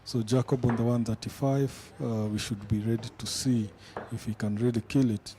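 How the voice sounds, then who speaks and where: A man's voice: medium pitch, fairly even intonation, moderate pace. A man giving live darts commentary as the match goes on. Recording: clearly noisy live event sound.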